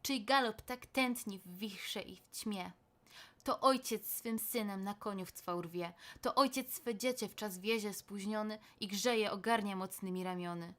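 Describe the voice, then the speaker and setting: Soft-spoken, slow woman streamer. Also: medium pitch. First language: Polish. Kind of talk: livestream poetry reading.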